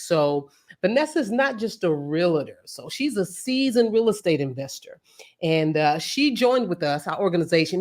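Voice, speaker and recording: A woman hosting an interview, energetic and enthusiastic, with frequent "uh" and "you know" fillers. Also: on the low side. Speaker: host. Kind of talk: upbeat interview.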